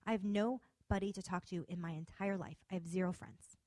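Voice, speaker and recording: A woman's voice: on the low side, steady tone, a little fast, a little mellow, dry recording, voice pushed down, close to an everyday voice. A woman voicing a lonely, volatile middle-aged woman professor who speaks bluntly and abruptly. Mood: despairing.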